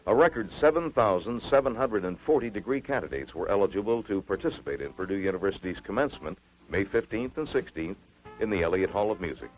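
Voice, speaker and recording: A man reads an old newsreel narration in a low voice. He has a measured, announcing delivery, and his pitch rises and falls a lot. Faint music plays underneath. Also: expressive, poor audio.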